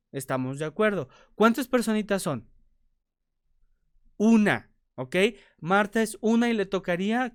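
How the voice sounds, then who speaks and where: A man's voice: high voice, clean tone, no echo, clean studio sound. A man teaching an English grammar lesson in a video, patiently posing questions aloud and answering them himself, checking in often with the students. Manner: repeats points, checks understanding with "ok?".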